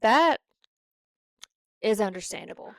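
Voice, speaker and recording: A woman's voice: mid-range voice, animated, takes it slowly, a bit bright, dry recording, clean studio sound. A woman in her thirties co-hosting a podcast, teasing and joking in casual chat. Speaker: podcast co-host.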